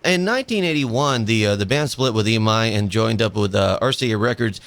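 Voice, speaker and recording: A man's voice: lowish voice, animated, brisk, creaky, fairly bright tone, no room sound. A man hosting a radio interview, eager and restarting his questions. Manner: eager, repeats words when starting questions.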